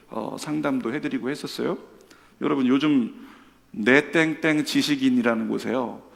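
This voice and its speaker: A male pastor delivers a Sunday sermon in a church sanctuary, his voice rough and gravelly. He swings between loud emphatic calls and hushed, slow, tender lines, and the hall adds a long, ringing echo. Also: a little high.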